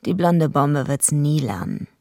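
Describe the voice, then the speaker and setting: An actress playing a tough, surly wrestling villainess who tells her own story in a radio play, blunt and deadpan, with a raspy, gravelly voice. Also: deep voice, unhurried, no room sound, studio quality, full character voice. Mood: grim, scornful. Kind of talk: first-person radio play narration.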